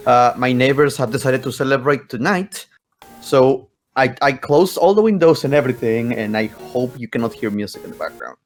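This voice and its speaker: A man with a mid-pitched voice chats casually as a player in an online tabletop game. He teases and jokes with the group, heard over a home microphone on a voice call. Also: normal speed, faint music behind. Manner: teasing, joking. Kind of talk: casual chat.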